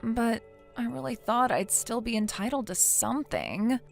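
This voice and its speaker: This is a defensive wife who whines and stumbles over her words. A text-to-speech woman voices her a little high. Soft music runs quietly behind her. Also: big pitch swings, moderate pace, gravelly. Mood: anxious. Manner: whiny, hesitant. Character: defensive, self-pitying young wife.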